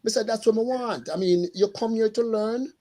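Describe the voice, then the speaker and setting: A middle-aged man, a school custodian telling lively stories in casual chat and acting out the dialogue. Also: high voice, moderate pace. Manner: animated storyteller, acts out dialogue.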